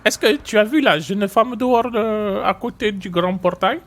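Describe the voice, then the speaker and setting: A man with a Marseille accent voicing an excitable, high-pitched male police chief for a game. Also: moderate pace. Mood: chatty. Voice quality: high and bright.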